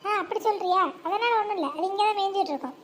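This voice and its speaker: Cartoon village housewife acted by a woman: gossipy, crafty, extremely high voice, rural Tamil Nadu accent, faint ambient noise. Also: racing. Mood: friendly. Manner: colloquial, exclamatory.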